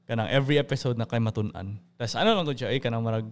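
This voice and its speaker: A man's voice: medium pitch, fast. A young man hosting a casual podcast chat, talkative and laughing often, mixing English into his speech. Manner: chatty, laughs often, mixes English into Cebuano. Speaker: podcast host.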